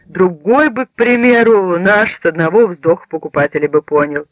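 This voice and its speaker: A man playing a loud, mocking folksy sailor. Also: sits high, normal speed, dry recording, natural voice. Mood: mocking, boisterous. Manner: loud, scornful folksy banter. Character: boisterous adult male Russian sailor, mocking and folksy. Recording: slightly dull lo-fi sound.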